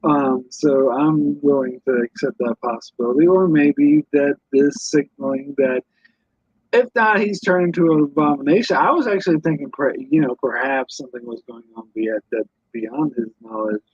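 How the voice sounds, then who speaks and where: A man's voice: mid-range voice, normal speed, darkish tone, breathy edge, dry recording, highs cut off. A man guesting on a casual review podcast, hesitant and skeptical, often correcting himself.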